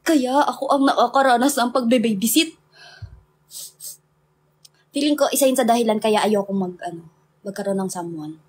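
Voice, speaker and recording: A woman's voice: fairly high pitch, normal speed, pauses often, darkish tone. A young woman with a Filipino accent, chatting casually with viewers on a livestream, laughing often and mixing English in. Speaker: livestream host.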